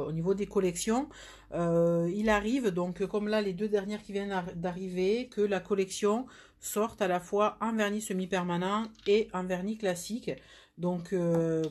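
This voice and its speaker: Chatty southern French woman, lowish voice. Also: a little mellow. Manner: chatty, many fillers and restarts. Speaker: nail product seller. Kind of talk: live product demo.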